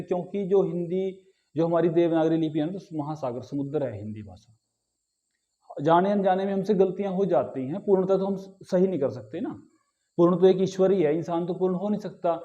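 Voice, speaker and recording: A man's voice: high-pitched, dark tone, muffled recording. A man teaching a grammar lesson, patiently repeating key words and asking the class rhetorical questions. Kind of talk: explanatory lesson.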